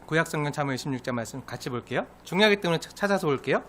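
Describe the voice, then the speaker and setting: A man pastor delivering a sermon in a high, bright voice. He presses each point emphatically and keeps turning to the congregation with rhetorical questions. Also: lively intonation, rapid-fire, slight background noise.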